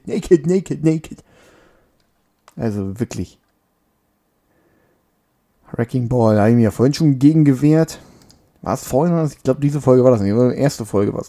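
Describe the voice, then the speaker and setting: Gravelly man chatting over a game. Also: mid-range voice, moderate pace, long pauses, warm tone. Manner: chatty, joking, scolds the game character. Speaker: let's play gamer. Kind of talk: casual gameplay commentary. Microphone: makeshift home mic setup.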